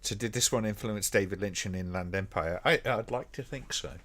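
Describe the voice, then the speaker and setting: A man's voice: lowish voice, a little fast, fairly bright tone. A man from the UK hosting a live stream, chatting casually and chuckling as he rambles with fillers. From United Kingdom. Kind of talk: casual chat reacting to old clips.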